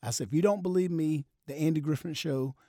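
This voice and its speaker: A man who works as a comedian, telling stories from his shows in casual chat. He is animated, repeats words and belts out the loud parts. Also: fairly high pitch, brisk, crowd noise. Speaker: comedian and event host, guest.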